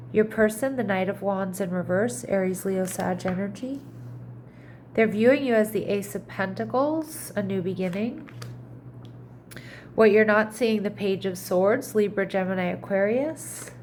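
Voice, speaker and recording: A woman gives a relaxed, chatty tarot reading to camera in a mid-pitched, slightly congested voice. Unhurried, she reassures the listener and often restarts sentences while thinking aloud, with a faint hiss in the background.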